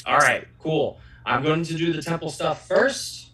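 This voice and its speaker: A man running a tabletop game as game master, talking in a halting way with many fillers. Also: on the high side, bright, forceful tone, poor audio. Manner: halting, filler-heavy delivery.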